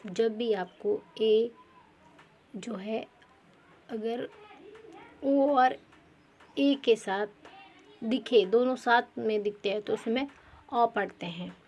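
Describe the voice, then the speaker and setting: A woman teaching pronunciation rules, repeating examples and asking herself rhetorical questions, often pausing with fillers and correcting herself. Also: on the high side, a little mellow, highs cut off. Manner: slow, repetitive, quizzes with rhetorical questions; frequent fillers and self-corrections.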